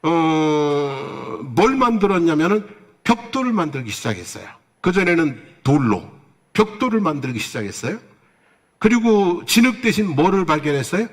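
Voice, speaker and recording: High, lively-voiced male pastor preaching. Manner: asks the congregation questions and answers them himself; tells jokes with playful asides. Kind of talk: sermon.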